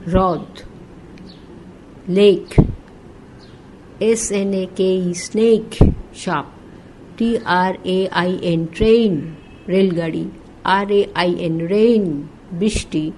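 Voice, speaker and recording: A woman's voice: medium pitch, takes it slowly, long pauses, noisy background. A woman reading an English textbook aloud, spelling each word letter by letter, then saying it and giving its meaning. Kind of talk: slow spelling and pronunciation drill.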